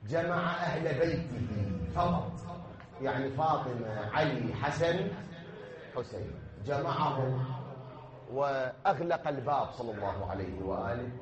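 A man's voice: medium pitch, animated, measured pace, crowd noise. A man with an Iraqi accent preaching a mourning sermon, fervently repeating invocations and slipping into a sung lament. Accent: Iraqi Arabic. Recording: echoey hall from far off, with background noise.

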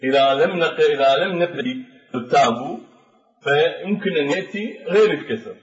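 A man teaching a tajweed lesson, explaining pronunciation rules slowly and deliberately, repeating each example word. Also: on the high side, far from the mic. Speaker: Quran recitation teacher. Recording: dull echoey room recording.

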